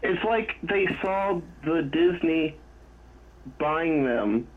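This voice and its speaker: A man with a husky voice, pitched a touch high, trading easygoing remarks and jokes with his co-host. His sound is narrow and tinny, like it comes over a phone line. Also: extremely slow. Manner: relaxed, chiming in with jokes and questions. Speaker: podcast co-host. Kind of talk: casual movie review chat.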